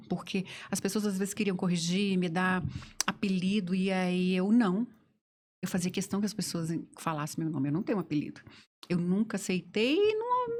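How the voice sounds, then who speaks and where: A woman hosting a podcast, telling an animated story in casual conversation and laughing often. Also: medium pitch. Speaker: podcast host.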